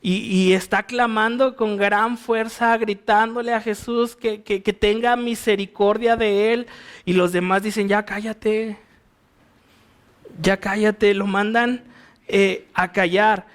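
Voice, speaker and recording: Mexican pastor guy, kinda high voice, teaching verse by verse, chatty, keeps asking the crowd "right?". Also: fairly even intonation, measured pace, clear, resonant tone. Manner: conversational, asks listeners rhetorical questions.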